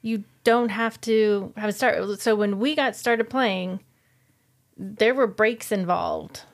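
A woman's voice: mid-range voice, sing-song, slow. Patient middle-aged woman sharing research. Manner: patient, reads out facts and figures. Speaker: podcast co-host. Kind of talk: casual chat.

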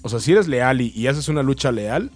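A man with a Mexican accent in casual conversation, relaxed and rambling, full of slang and restarts. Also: medium pitch, fairly quick, no echo, soft background music. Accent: Mexican Spanish. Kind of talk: casual chat.

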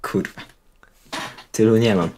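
A man's voice: fairly low pitch, slow pace, darkish tone. A man co-hosting a casual podcast, ribbing his friend with mock-boastful teasing. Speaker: podcast co-host.

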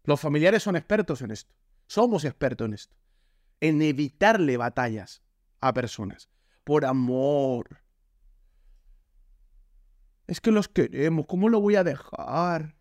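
A man with a Spain Spanish accent giving a lively, jokey sermon and acting out the voices he quotes. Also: on the high side, a little slow, pauses often, dry recording, clean studio sound. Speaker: pastor.

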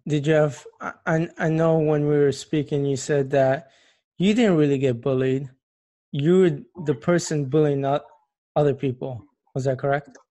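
Mellow-voiced male interviewer. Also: fairly high pitch, steady tone, normal speed. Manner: short prompting questions. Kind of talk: personal interview.

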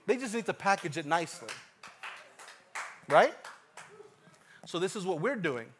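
Male pastor in his thirties, high-pitched, lively emphatic sermon delivery with repetition. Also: a little slow, slight background noise. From Ecuador. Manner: animated preaching, swings from hushed to loud, repeats lines for emphasis.

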